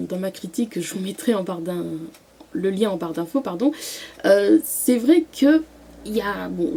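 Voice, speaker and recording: A young woman talks through her favourite books in a relaxed vlog. Her voice is mellow and a little husky. She hesitates a lot, restarting sentences and filling pauses as she goes. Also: mid-range voice. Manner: hesitant, many fillers and restarts. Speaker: book vlogger. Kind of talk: casual book review vlog.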